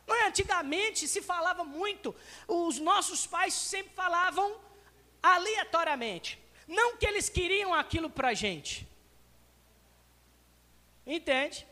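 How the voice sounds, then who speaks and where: Animated male pastor in a reverberant church. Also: very high voice. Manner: animated, acts out everyday scenes and addresses the congregation directly. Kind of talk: sermon. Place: church sanctuary. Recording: long reverb of a church hall.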